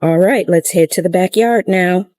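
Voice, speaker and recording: A woman's voice: fairly low pitch, normal speed, warm tone, no echo, poor audio. A woman chatting casually through a gardening vlog outdoors in her garden, rambling with fillers and out of breath. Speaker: gardening vlogger. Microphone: camera set up nearby.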